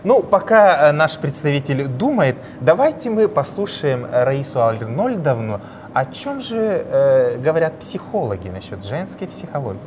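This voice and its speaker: A man moderating a TV studio discussion, speaking in hesitant, halting phrases. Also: a little high, big pitch swings. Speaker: TV debate moderator. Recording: clearly noisy sound.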